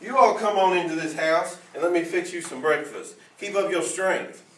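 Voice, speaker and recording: A man's voice: high-pitched, moderate pace, a bit bright, echoey room, far from the mic, slight background noise. A man acting as a fussing middle-aged mother in a school play, scolding in a motherly drawl. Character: fussing Southern mother Rose, middle-aged, bossy but loving. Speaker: student actor.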